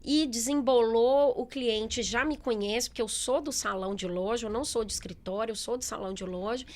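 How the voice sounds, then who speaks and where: A middle-aged businesswoman in a relaxed interview, talking candidly with many fillers and quoted asides. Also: fairly high pitch, brisk. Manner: chatty, candid, lots of fillers and quoted speech. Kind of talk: casual interview talk.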